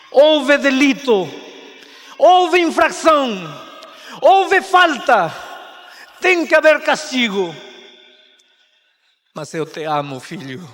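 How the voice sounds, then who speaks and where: Stern loving mother as a preacher puts her on, low hushed firm voice, slow, long hall reverb.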